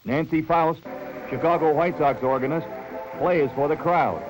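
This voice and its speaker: A man reads a 1970s newsreel in a crisp, upbeat announcer style. His voice sits a little high for a man. A music bed plays clearly beneath him. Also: measured pace, poor audio. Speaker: newsreel narrator.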